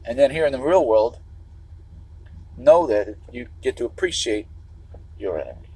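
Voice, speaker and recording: A man from the Chicago area rambles through a livestream from behind the wheel. His voice is husky and sits in an ordinary middle pitch. He keeps stopping to restart his thoughts, and he swears casually as he goes. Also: sing-song, moderate pace, a little mellow, poor audio. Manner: meandering, restarts, swears often.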